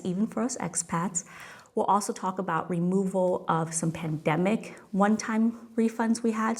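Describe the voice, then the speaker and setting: A mellow, medium-pitched woman in her thirties, an American from California, hosts a webinar as a tax expert. Seated at a desk in an indoor office, she explains things in a chatty, emphatic and reassuring way.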